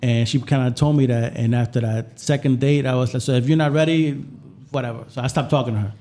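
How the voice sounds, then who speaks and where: Talking fast in a mellow, medium-pitched voice with fairly even intonation, a guest chef from Puerto Rico tells personal stories on a podcast. He keeps it informal and often repeats his phrases.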